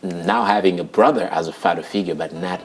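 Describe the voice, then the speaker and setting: Picture a man in his thirties hosting a television talk show, his voice sitting low and steady. He keeps things upbeat, laughs easily, and sometimes repeats a word as he finds his way into a question. He is recorded close on a lapel mic in a studio, with faint music playing underneath. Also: fairly quick, husky. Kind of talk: studio interview. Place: TV studio set.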